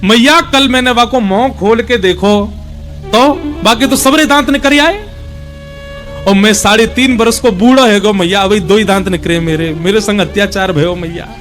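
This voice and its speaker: A man's voice: high voice, normal speed, a bit bright, faint music behind. A man voicing the playful, mischievous child Krishna in a Braj accent, with a pleading, childlike sing-song. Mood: sobbing complaint.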